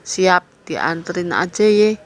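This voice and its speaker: Pemilik warung yang santai dan suka bercanda, dibawakan seorang perempuan. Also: female voice, on the low side, big pitch swings, takes it slowly, a little hiss or hum. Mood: easygoing. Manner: easygoing slangy banter. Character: relaxed male street stall owner.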